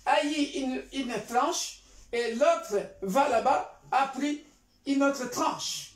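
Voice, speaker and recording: A male pastor leading intercession prayers and preaching, declaring each line and pausing for his interpreter. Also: very high voice, roomy sound.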